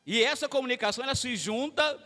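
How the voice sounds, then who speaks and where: Here the preacher, a man with a Brazilian Portuguese accent, talks fast in a very high, sharp-toned voice. He speaks conversationally to the family-service congregation, addressing them directly. Echo fills the large church hall.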